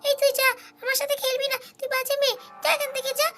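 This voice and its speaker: A very high, squeaky little girl's voice, put on by a woman, rattling along quickly as she mumbles and babbles in her sleep. The doll-cartoon character sounds dreamy and childish, with music playing behind her. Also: monotone, sharp tone. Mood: sleepy babbling.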